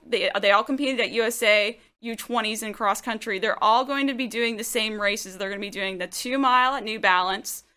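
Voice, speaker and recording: A woman hosting a track-and-field podcast who steers between segments and hands questions to her co-hosts. Her voice is fairly high and bright. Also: clean tone. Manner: leads segments, poses questions, frequent "you know". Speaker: podcast host. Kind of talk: casual sports podcast hosting.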